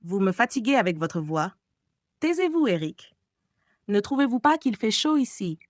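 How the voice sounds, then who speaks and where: A woman's voice: mid-range voice, big pitch swings, moderate pace, no echo, clean studio sound, natural voice. A woman voicing a frightened young woman singer who pleads and begs in a gothic audiobook. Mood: pleading. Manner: pleading, anxious.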